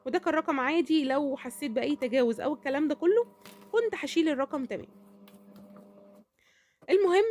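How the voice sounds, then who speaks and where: A woman's voice: sits high, fast talker, pauses often, a little mellow. A woman with an Egyptian Arabic accent chatting casually in a cooking vlog, talkative and repeating herself, often checking in with "okay?". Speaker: cooking vlogger.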